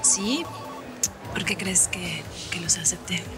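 A woman's voice: fairly low pitch, takes it slowly, loud music behind the voice. An actress playing a young tycoon's girlfriend who speaks in a coy, teasing way in a telenovela. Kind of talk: telenovela acting.

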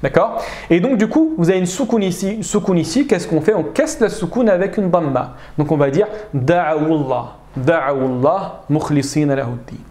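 A man leads an online grammar lesson in a high, animated voice that rises and falls freely. He checks in with his students again and again as he explains. The sound carries a noticeable echo from the room. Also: moderate pace. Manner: animated, checks understanding with frequent "d'accord?". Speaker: Arabic teacher. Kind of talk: live online grammar class.

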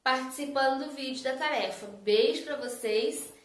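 A Brazilian Portuguese-accented woman, a kindergarten teacher, gives a slow, sing-song, encouraging online lesson to young children. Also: sits high, slight background noise. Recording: very echoey room.

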